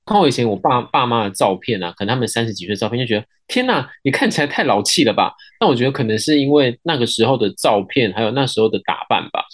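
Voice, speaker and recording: A woman's voice: extremely low pitch, racing, few pauses. A woman with a Taiwanese accent co-hosting a casual podcast, chatting in a joking manner. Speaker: podcast co-host.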